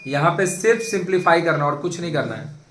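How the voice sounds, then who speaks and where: A man's voice: fairly high pitch, animated, brisk, a bit bright, recorded from a distance, a little hiss or hum. A young man teaching math to a class, coaxing and drilling his students with lots of repetition. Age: young adult. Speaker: tutor. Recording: echoey classroom.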